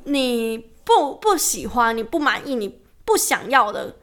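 A young woman, co-hosting a casual podcast chat and telling stories in an animated way with frequent laughs. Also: fairly high pitch, unhurried. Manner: animated storytelling, laughs often. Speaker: podcast co-host.

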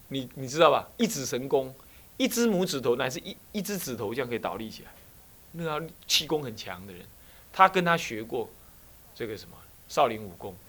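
Lively Taiwanese-accented man telling a dharma story. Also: a little high. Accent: Taiwanese Mandarin. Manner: animated storyteller, frequent rhetorical questions. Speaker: Buddhist abbot teaching.

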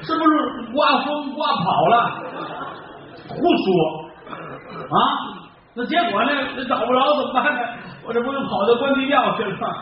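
A man's voice: very high-pitched, lively intonation, pitched above the performer's own voice. A man doing a babbling, chattering constable. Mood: pleading. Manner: rapid babbling excuses. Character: chattering male constable, babbling, can't stop talking. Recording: echoey distant dull live recording with noise.

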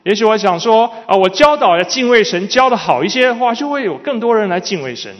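A man interprets a sermon consecutively, following the preacher phrase by phrase in a large reverberant hall. He talks fast in a high voice with big pitch swings. The recording sounds dull and carries the hall's reverb.

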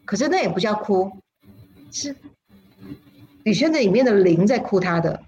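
A woman, a spiritual teacher telling a personal story on a livestream in an animated, dramatic way, her voice leaping up at exciting moments. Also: moderate pace. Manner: animated, dramatic storyteller with sudden pitch leaps.

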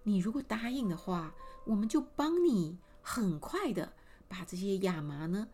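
Woman putting on kindly strange spinners, soft coaxing tone, slow. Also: mid-range voice, expressive, soft background music. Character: three odd, kindly old spinning women.

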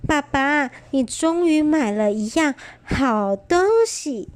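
A weepy little girl from a bedtime storybook whines between sobs in a high, bright voice, as a woman reads her part. She speaks slowly and plaintively. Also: expressive, dry recording. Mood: soft, pleading. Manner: whiny, sobbing. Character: little girl doll, upset and tearful.

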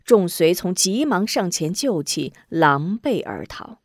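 A woman narrating a martial-arts tale in a measured, dramatic storytelling manner. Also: lowish voice, sing-song, no room sound, clean studio sound.

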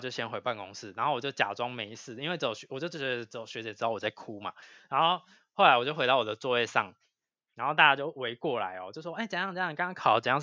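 Fast, bright-voiced man venting casually. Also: medium pitch, no room sound. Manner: animated, swears freely when venting. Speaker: podcast co-host. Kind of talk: casual chat. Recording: dull lo-fi dry sound.

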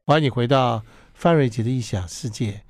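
A man with a Taiwanese Mandarin accent hosting a radio interview, firing off quick teasing questions and interjections. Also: medium pitch, darkish tone, faint music behind. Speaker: radio host.

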